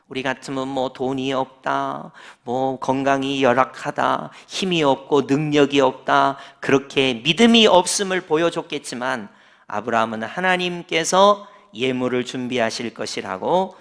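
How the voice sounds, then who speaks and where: A man's voice: on the high side, sharp tone. A middle-aged male pastor preaching in a church. He acts out lines of dialogue and asks the congregation questions. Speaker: senior pastor. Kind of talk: sermon. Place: church sanctuary.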